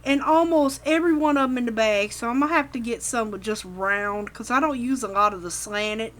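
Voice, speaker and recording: A woman's voice: fairly high pitch, fairly quick, a bit bright. A woman giving a casual, folksy craft demonstration, chatting to herself as she works, with machine noise behind her. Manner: folksy, informal, talks to herself while working. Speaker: craft tutorial host. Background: running machine, vacuum pump.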